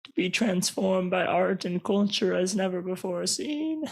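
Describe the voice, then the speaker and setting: A man's voice: high-pitched, animated, measured pace, a little mellow, voice pushed up, exaggerated voice. A man improvising a pompous opera lover who gasps and gushes theatrically. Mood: gushing. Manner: breathy gasping, theatrical. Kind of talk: improvised comedy scene.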